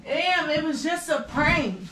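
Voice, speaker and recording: A woman's voice: sits high, a little slow, loud music behind the voice. A woman vlogger chatting casually through a prank, laughing constantly between words. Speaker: YouTube vlogger. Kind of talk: casual prank vlog chat.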